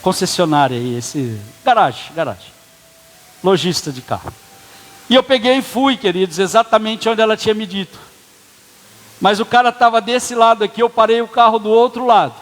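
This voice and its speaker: Pastor with a high voice in a reverberant church. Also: male voice, a little fast, fairly bright tone. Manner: casual storytelling with quoted dialogue. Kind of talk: sermon storytelling. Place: church hall.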